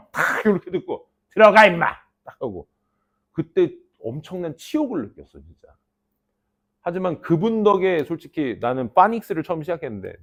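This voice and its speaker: A middle-aged man teaching an English class, talking to students in a lively, playful storytelling way. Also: high-pitched. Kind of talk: lecture to students.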